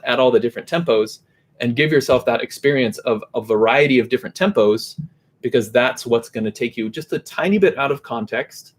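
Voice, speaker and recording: A middle-aged man teaching guitar at home in a relaxed, casual way, chanting rhythm syllables to show the tempo. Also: mid-range voice. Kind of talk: casual instructional talk. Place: home room. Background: faint metronome clicks and guitar.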